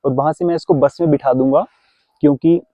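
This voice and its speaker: A man's voice: fairly high pitch, fairly even intonation, brisk, no room sound. Preachy man vlogging, dry dull sound. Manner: preachy, advising viewers on tradition. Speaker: vlogger, father. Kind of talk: casual vlog talk to camera. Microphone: phone camera.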